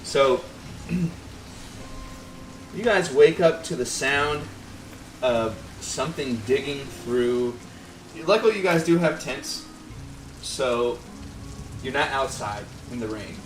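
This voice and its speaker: A man's voice: mid-range voice, expressive, takes it slowly, pauses often, echoey room, recorded from a distance, slight background noise, rough recording. A man running a tabletop game as game master, narrating casually and laughing often.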